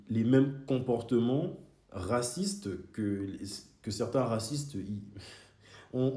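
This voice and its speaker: Speaking in a mellow voice of medium pitch, a young Swiss-raised man hits back at his critics in a heated, argumentative monologue. He makes videos, and the recording carries the echo of the room.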